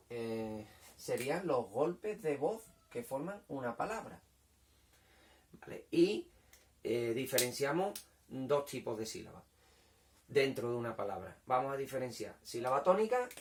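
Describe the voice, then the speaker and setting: Male teacher, patient, repetitive, sounds out syllables slowly, mid pitch, slightly distant mic. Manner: patient, repeats points, checks with "¿vale?". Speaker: primary school teacher. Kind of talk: recorded language lesson for children.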